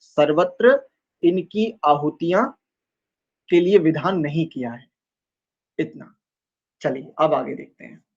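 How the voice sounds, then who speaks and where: A man teaching an online scripture class, explaining mantras and chanting them slowly, correcting pronunciation syllable by syllable. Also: fairly high pitch, a little mellow, lo-fi sound. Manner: slow, drawn-out chanting of mantras between explanations. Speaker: Vedic teacher.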